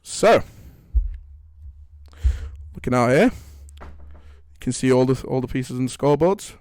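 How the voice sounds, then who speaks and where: A young man casting a live esports match, jokey and excitable, rising to shouts on big plays and dropping to quiet asides. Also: mid-range voice, unhurried, clear, resonant tone. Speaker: esports caster.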